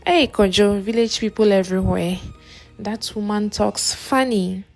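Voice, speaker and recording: A woman's voice: medium pitch, unhurried, vocal fry, darkish tone, faint music behind. A woman voicing a teasing young male friend who mocks the hero, in a storybook narration. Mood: mocking. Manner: teasing, mocking.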